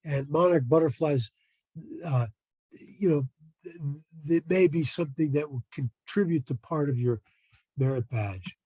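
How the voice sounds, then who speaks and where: A man giving an informal educational talk as a museum presenter, explaining things in a halting way. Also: fairly high pitch, mellow, husky, dry recording, poor audio.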